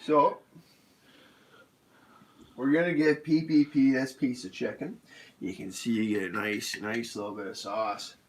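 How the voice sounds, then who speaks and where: A man's voice: medium pitch, steady tone, a little slow, pauses often, rough recording. A man casually hosting a cooking stream, explaining each step as he goes in an easygoing, rambling way.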